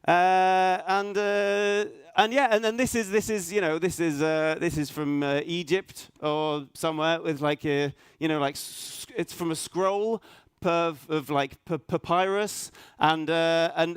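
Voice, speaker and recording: A middle-aged man, raised in Norway, speaking at a conference, halting and self-deprecating, full of restarts and fillers. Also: a little high, smooth, no echo. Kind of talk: hesitant conference talk. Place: conference hall stage.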